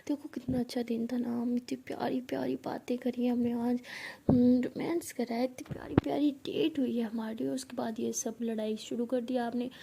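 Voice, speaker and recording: A woman voicing a hot-tempered young college woman who coaxes her partner in a soft, half-whispered voice. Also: fairly high pitch, steady tone, fairly quick, vocal fry, slight background noise. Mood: soothing. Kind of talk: storytelling role-play.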